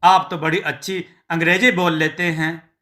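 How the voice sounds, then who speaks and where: A man's voice: on the high side, little pitch movement, normal speed, sharp tone. A man voicing a practical, supportive young village wife who asks curious questions.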